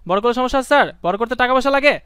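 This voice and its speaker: A man's voice: very high-pitched, racing, fairly bright tone, smooth, no echo, clean studio sound. A young man teaching a live online class, talking students through each step, repeating himself and asking rhetorical questions.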